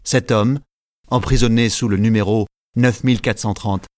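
Low-voiced male audiobook narrator. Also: fairly even intonation, normal speed, darkish tone, no echo, studio quality.

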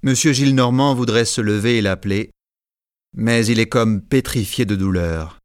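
A man narrates a simplified classic novel in a measured, clear storytelling manner. His voice sits low, and the recording is dry and close, with no room sound. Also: no echo.

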